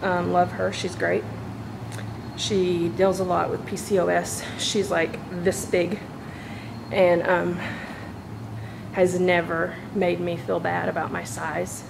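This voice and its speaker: A woman's voice: fairly low pitch, little pitch movement, slow, gravelly. Woman vlogging on a walk, noisy background. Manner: talking while walking laps, slightly tired; chatty, informal. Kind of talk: casual personal vlog talk. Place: walking laps, phone recording.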